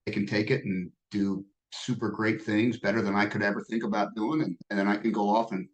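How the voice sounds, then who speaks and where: A man in his sixties, a business owner speaking as a podcast guest in a relaxed, self-deprecating conversational way. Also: fairly low pitch, brisk, poor audio. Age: 60s. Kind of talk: podcast interview.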